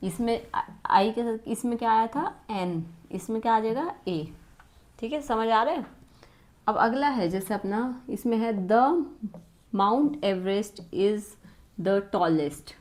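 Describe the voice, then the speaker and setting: A woman teaching an exam-prep English grammar lesson, constantly asking her students rhetorical questions and reading example sentences very slowly. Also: mid-range voice, a little mellow.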